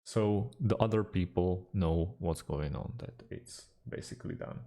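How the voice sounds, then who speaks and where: In a screen-recorded software tutorial, a host whose native language is Slovak speaks slowly and without hurry, pausing on fillers. His low, mellow voice has a gravelly edge, and his phrasing is slightly non-native.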